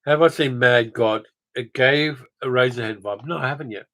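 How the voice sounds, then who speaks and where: A man hosting a film channel livestream, reading out viewer comments and answering them in a loose, rambling way. He fills the gaps with ums and uhs, and his voice sits at an ordinary middle pitch. It sounds like a relaxed home stream. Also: normal speed, poor audio. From Australia. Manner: rambling, conversational, frequent fillers.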